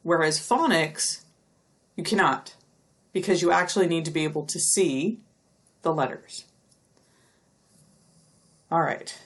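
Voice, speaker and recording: A middle-aged woman giving a recorded lecture, explaining step by step and stretching out speech sounds slowly to demonstrate them. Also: deep voice. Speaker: university lecturer.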